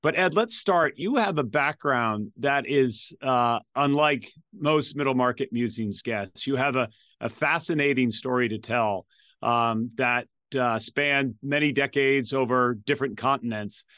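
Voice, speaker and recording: A man hosts an interview, moving between questions in a relaxed, conversational way and filling pauses with "uh" and "um." His voice sits in an ordinary male range, and the recording sounds close and dry. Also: mid-range voice, dry recording. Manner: friendly, conversational, with frequent fillers. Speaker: podcast host.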